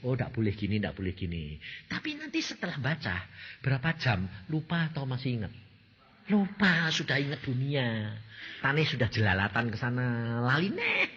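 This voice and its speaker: A male pastor with a Javanese accent delivers a lively sermon, his pitch swooping widely as he keeps quizzing the congregation. His voice is forceful and a little husky. It rings out in a long hall reverb on a dull, lo-fi recording. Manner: animated, questioning the congregation.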